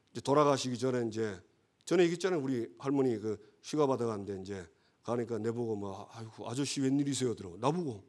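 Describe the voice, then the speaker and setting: A man's voice: medium pitch, a little mellow. A male pastor gives a conversational sermon and often checks that the congregation agrees.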